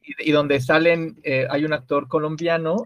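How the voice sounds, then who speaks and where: A man's voice: on the high side, level tone, normal speed, fairly bright tone, muffled recording. A Mexican man with a Mexican Spanish accent, hosting a casual group chat and asking lots of curious questions, with hesitant restarts. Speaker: host.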